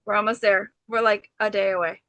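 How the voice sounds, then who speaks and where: A woman co-hosts an astrology podcast in casual, bubbly chat, sprinkling in lots of "like" and "okay." Her medium-pitched voice is a bit bright and a little fast, with fairly even intonation, and the recording is dry.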